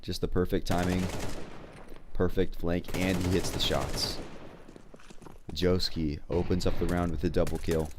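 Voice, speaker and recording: A man's voice: low voice, little pitch movement, unhurried, pauses often, noisy background. A man giving live esports play-by-play commentary in an informal, conversational way. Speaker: esports caster.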